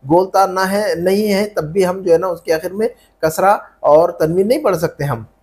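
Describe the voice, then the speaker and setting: A patient male Arabic teacher with a noticeably high voice. He explains each grammar rule step by step, repeats it several times, and keeps quizzing his students with questions. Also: normal speed, darkish tone, slightly rough. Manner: mixes Hindi-Urdu with Arabic terms. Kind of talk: online Arabic grammar lesson.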